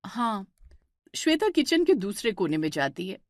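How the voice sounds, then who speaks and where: A woman narrating a cartoon story in a plain, even storytelling voice. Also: medium pitch, fairly quick, dry recording, studio quality.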